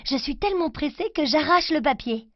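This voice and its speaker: High-voiced woman reading a children's story. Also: lively intonation, no room sound, highs cut off. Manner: slow clear careful reading for children.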